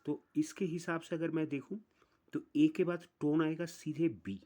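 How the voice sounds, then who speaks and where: A man's voice: fairly high pitch, little pitch movement, warm tone. A man teaching music theory, explaining step by step and counting through the notes one at a time. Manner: slow, deliberate, counts notes aloud one by one.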